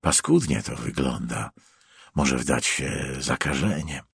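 A man voicing a cold, menacing male avenger who mutters quietly. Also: very deep voice, very animated, measured pace, slightly rough, no echo, clean studio sound, voice pushed down, exaggerated voice.

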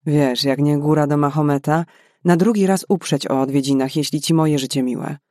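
A man's voice: fairly high pitch, moderate pace, darkish tone, dry recording, studio quality, lightly acted. A man voicing a young, easygoing man who speaks in a casual, teasing way in an audiobook.

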